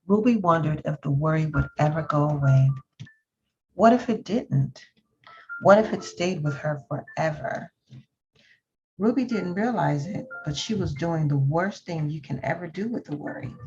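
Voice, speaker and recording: A woman storyteller with a low, slightly mellow voice reads a children's picture book aloud at a moderate pace. The recording is dull and lo-fi, with faint music in the background.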